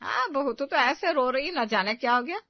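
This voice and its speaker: A woman voicing a boastful, sharp-tongued middle-aged mother-in-law in an animated story, bragging and scolding. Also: sits high, normal speed, dry recording. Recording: dry, slightly dull lo-fi audio.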